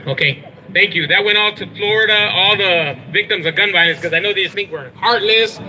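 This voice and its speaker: A man's voice: high voice, brisk, pushed and bright, poor audio. A man giving a punchy, crowd-rousing speech at an outdoor rally. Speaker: rally speaker.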